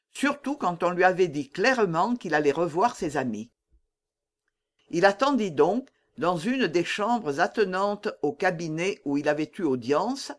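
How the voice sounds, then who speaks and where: A man narrating a classic novel as an audiobook in a measured, literary reading. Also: sits high. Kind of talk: scripted narration.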